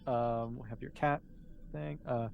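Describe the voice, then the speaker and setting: Running a tabletop game, a male game master explains matters patiently and conversationally, improvising as he goes. He speaks at medium pitch with fairly even intonation and a measured pace, and the recording cuts off the highs and carries clear background noise.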